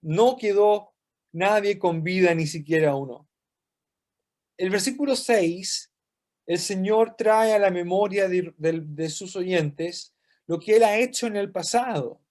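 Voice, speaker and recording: A man's voice: high voice, slow, a little mellow. A man with a Chilean Spanish accent teaching a Bible study, explaining step by step and repeating phrases for emphasis.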